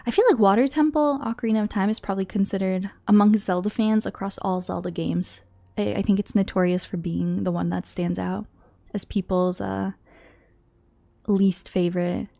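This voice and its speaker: Congested and a bit nasal from a cold, a young streamer talks casually to her viewers while playing a game. Her mid-range voice has vocal fry, fairly even intonation and a moderate pace. She rambles, restarts her sentences again and again, and murmurs quiet asides.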